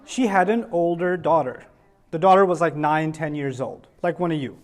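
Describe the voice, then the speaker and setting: A man's voice: fairly high pitch, moderate pace. A man telling a story to a room of children, quizzing them as he goes. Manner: animated, asks the kids questions. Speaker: teacher of children.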